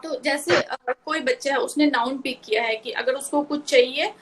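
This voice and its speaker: A woman's voice: high-pitched, moderate pace, low-quality recording. A woman speech therapist in a live online session, patiently explaining step by step to parents and mixing in English terms.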